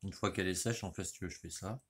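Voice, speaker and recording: A middle-aged man with a deep, low voice gives a loose, slangy walk-through as he works on an engine in his garage. He rambles, restarts phrases and keeps checking in with the listener. Faint clicks and tool noises sit in the background. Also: quick pace, slight background noise. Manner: rambling and slangy, saying "tu vois" constantly. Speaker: motorcycle mechanic. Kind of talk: casual workshop how-to talk.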